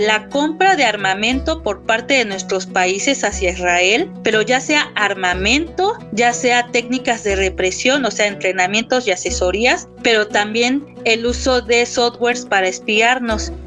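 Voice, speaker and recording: A woman's voice: fairly high pitch, a little slow, soft background music. A woman, speaking as an activist spokesperson and explaining her cause earnestly and steadily. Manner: earnest, steady, tags points with a questioning "no". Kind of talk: explanatory interview statement.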